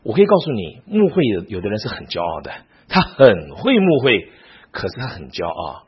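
Husky animated male Bible teacher. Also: lowish voice, moderate pace, muffled recording. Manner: animated, rhetorical questions to the class. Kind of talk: teaching sermon.

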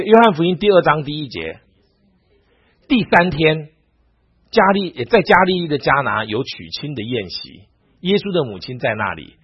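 Husky animated man teaching scripture. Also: a little high. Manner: animated, repeats words, stammers on restarts. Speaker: Bible class teacher. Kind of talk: teaching talk on Bible reading. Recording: dull lo-fi sound.

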